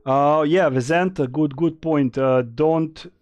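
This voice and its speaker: Young male streamer, unhurried, clear voice, dry close sound, rambling chat replies. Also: fairly high pitch, darkish tone, no echo. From Serbia. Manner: rambling, many fillers and restarts, reading chat aloud. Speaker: game streamer. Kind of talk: casual live-stream Q&A.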